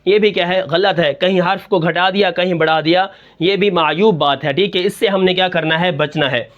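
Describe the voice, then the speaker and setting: High-voiced man teaching recitation rules. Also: steady tone, fairly bright tone, highs cut off. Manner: asks and answers his own questions, drops low on the answer; breaks into slow, drawn-out Quran recitation to demonstrate. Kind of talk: tajweed lesson in Urdu.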